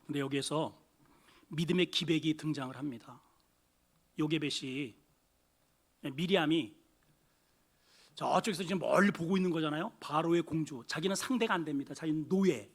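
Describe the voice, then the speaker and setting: A man preaching a Sunday sermon as pastor, dramatic, swinging from loud exclamations to hushed asides. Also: fairly high pitch, breathy edge. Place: church sanctuary.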